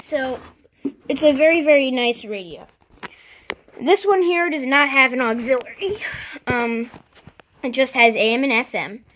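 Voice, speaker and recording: Showing off a collection in casual, unscripted show-and-tell, a vlogger talks in halting bursts, frequently stopping to clear the throat. The mid-range voice sounds a bit bright over slight background noise.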